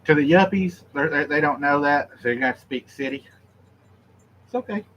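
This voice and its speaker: Over lo-fi audio with background noise, a fairly high-pitched man speaks at a normal speed. He's an Oklahoma livestream host chatting casually as he eats, joking, laughing, and reading viewers' comments aloud.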